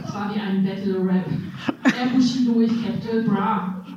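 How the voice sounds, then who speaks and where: A woman in her forties reading her own humorous first-person column with a wry, deadpan delivery, in a dull, echoey, distant recording. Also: mid-range voice, moderate pace, noisy background. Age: 40s. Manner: wry, deadpan storytelling with playful voicing.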